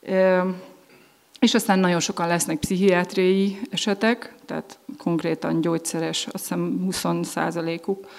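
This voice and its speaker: A woman with a lowish voice tells her own story as a personal testimony, earnest and measured. She hesitates and restarts often as she searches for her words. Her voice carries a long reverb, as if she were recorded in a hall. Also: little pitch movement, vocal fry. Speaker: speaker giving a personal testimony.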